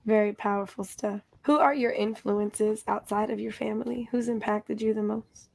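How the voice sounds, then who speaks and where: A woman hosting a casual interview, speaking in a lively, direct and affirming way. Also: medium pitch, moderate pace, creaky, no echo. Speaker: interview host.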